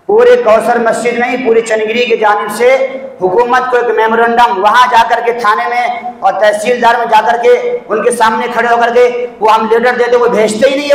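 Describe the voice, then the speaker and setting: Man, preacher, fervent sermon, very high voice, echoing mosque hall. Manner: impassioned, exhorting, rising to shouts. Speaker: Islamic preacher.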